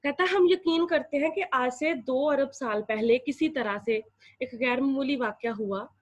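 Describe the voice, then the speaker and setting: A woman's voice: sits high, unhurried. A young woman with a Pakistani accent teaching an English lesson, explaining word by word and switching between Urdu and English. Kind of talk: classroom lecture.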